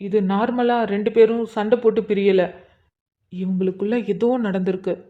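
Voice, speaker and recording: A woman's voice: sits high, moderate pace, darkish tone, lightly acted. A woman voicing a curious, probing young man in a storybook cartoon, often thinking aloud. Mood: hushed. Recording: dull lo-fi sound.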